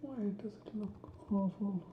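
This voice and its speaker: Slow thinking-aloud woman coding tutor. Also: mid-range voice, a little hiss or hum. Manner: thinks aloud, many ums and restarts. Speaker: programming tutor. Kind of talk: screen-recorded coding tutorial. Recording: dull roomy home recording.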